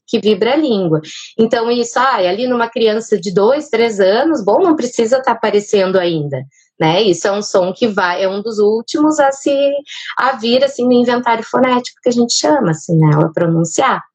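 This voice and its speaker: A woman's voice: mid-range voice, animated, fairly quick, darkish tone, breathy edge. A woman explaining child speech development on a live stream, with a manner full of fillers. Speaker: speech therapist guest.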